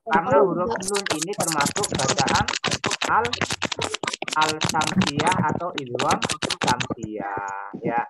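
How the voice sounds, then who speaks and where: A woman teacher patiently explaining recitation rules, modelling each word slowly and repeating it. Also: sits low, lively intonation, heavy background noise. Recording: loud crowd of pupils behind.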